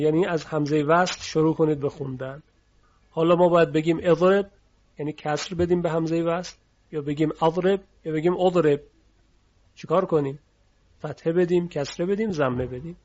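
A man explains reading rules in a calm lesson, stopping to repeat each example word slowly. His voice sits a little high. The recording is dull and lo-fi. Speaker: teacher.

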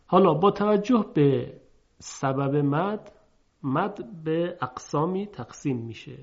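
A man teaching Quran recitation in a measured, explanatory way, slowly drawing out example words to show their sound. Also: a little high, expressive. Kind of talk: recorded lesson lecture. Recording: muffled lo-fi recording.

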